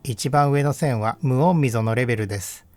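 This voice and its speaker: Calm, measured male technical narrator. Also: mid-range voice, faint music behind. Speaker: audio equipment reviewer. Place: voice-over.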